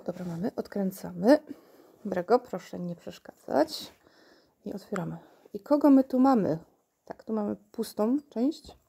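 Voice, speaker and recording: A woman's voice: medium pitch, vocal fry, mellow, slightly rough. A woman unboxing toys at home in casual chat, recorded on a tablet, often laughing and talking to her puppy. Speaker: unboxing vlogger.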